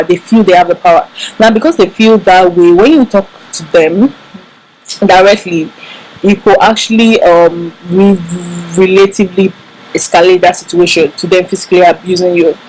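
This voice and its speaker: Offering casual relationship advice straight to camera, this woman from Nigeria speaks in a Nigerian English accent, earnestly and emphatically, repeating words to stress them. Her voice is fairly low, and the recording is rough.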